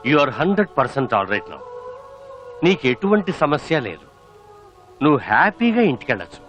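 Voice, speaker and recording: An actor dubbing a calm male doctor in a film, speaking in a slow, reassuring way. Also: on the high side, lo-fi sound, soft background music. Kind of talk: dubbed film acting.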